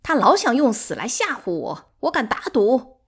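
A woman voicing a spiteful, sharp-tongued concubine who shouts insults in an audiobook. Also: mid-range voice, very animated, moderate pace. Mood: furious shouting. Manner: loud, harsh, scornful.

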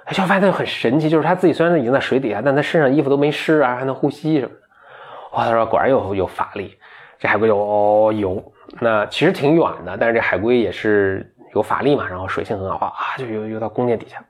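A fast-talking man with a mid-range voice tells a friend a folk tale in a casual, chatty way, lightly playing the characters and laughing at the story.

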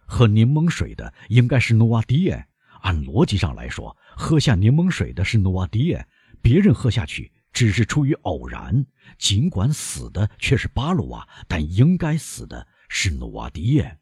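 A man reading an audiobook, voicing a stern doctor who lays out an accusation in a cold, measured way. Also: fairly low pitch, wildly swooping pitch, a little mellow, husky, dry recording, studio quality, full character voice. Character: stern older male doctor, relentless accuser.

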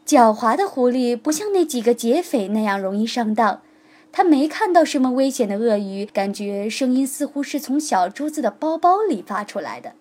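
A woman storyteller reading a children's story aloud, speaking gently and warmly to young listeners. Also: on the high side, moderate pace. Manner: lively, gentle, addressing children.

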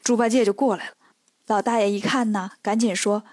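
A woman narrating a children's story in a lively, colloquial way. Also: medium pitch, brisk, no room sound, clean studio sound.

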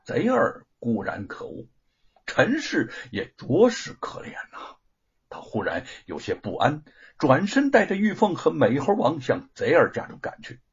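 Male audiobook narrator, husky voice, wildly swinging pitch, dramatic delivery. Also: measured pace. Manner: dramatic, expressive reading. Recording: dull lo-fi recording.

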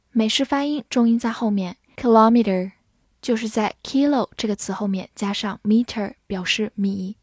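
A woman teaching English vocabulary, spelling words letter by letter and reading example sentences slowly. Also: fairly high pitch, a little mellow, husky, no echo, studio quality.

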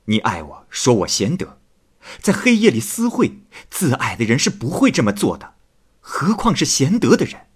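A man's voice: medium pitch, wildly swooping pitch, moderate pace, slightly rough, pitched above the performer's own voice. A man doing a stern, upright young scholar. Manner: earnest lecturing.

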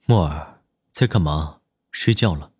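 A man playing a possessive, low-voiced lover. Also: lively intonation, normal speed, darkish tone. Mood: teasing. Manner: low, husky and teasing. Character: possessive jealous young man, low and intimate. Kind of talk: audiobook character voice.

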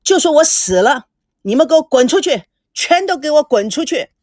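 A woman voicing an enraged male company chairman in his fifties who shouts threats. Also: very high voice, lively intonation, normal speed, husky, no room sound, clean studio sound, full character voice. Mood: shouting. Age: 50s. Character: furious middle-aged male company chairman.

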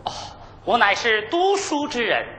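A woman's voice: a little high, very animated, measured pace, fairly bright tone, slight background noise. An actress playing a polite young male scholar in hiding in a folk opera, speaking in formal, stylized diction. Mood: timid. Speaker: errenzhuan actress. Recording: hall reverb.

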